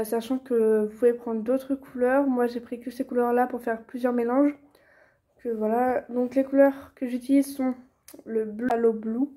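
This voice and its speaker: A young woman, chatting casually through a how-to tutorial, filling pauses with many hesitations and restarts. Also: fairly high pitch, mellow. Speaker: vlogger teaching reborn doll painting.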